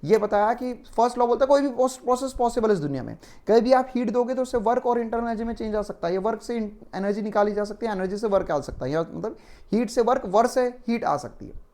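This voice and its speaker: A man's voice: high voice, expressive, fast, warm tone. A male physics teacher giving an online exam-prep lecture in a conversational, explanatory way, often checking in with tag questions.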